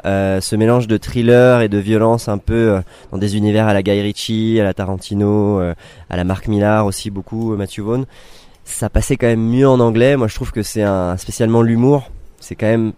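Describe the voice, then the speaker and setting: Male director guest, low, mellow voice, relaxed talk with restarts, dry sound. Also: clear, resonant tone, no echo. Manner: relaxed explaining, with restarts and fillers. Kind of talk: casual studio interview.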